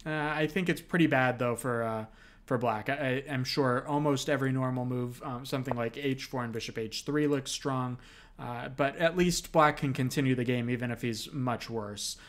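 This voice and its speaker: A male chess commentator at a middling pitch talks through variations at an unhurried, explanatory clip. He breaks the analysis with small fillers as he goes. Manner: explains moves steadily with frequent fillers.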